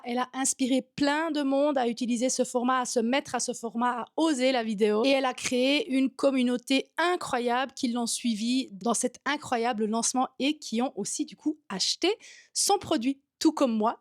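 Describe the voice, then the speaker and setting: A woman with a Swiss French accent vlogs straight to the viewer in a high, bright-toned voice. She is a yoga teacher and content coach, and she talks in a direct, lively and informal way. The sound is dry and close, with almost no room echo. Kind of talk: talking-to-camera vlog.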